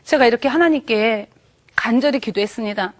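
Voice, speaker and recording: A woman giving a personal faith testimony in church, earnest and emotional, with halting pauses. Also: a little high.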